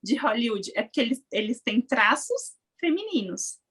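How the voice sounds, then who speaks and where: A woman's voice: a little high, big pitch swings, normal speed, fairly bright tone, husky. A woman in casual conversation, explaining animatedly and acting out quoted voices.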